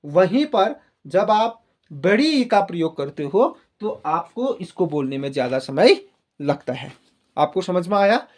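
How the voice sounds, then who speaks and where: Slow, patient male Hindi teacher. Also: sits high, sing-song. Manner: patient, repetitive, addresses listeners directly. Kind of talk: explanatory lesson to students.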